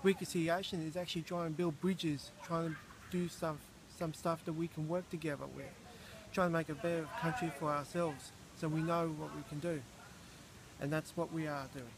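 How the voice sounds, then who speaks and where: A man's voice: fairly high pitch, flat delivery, moderate pace, rough recording. Man speaking over a busy crowd. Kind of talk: casual spoken interview answer.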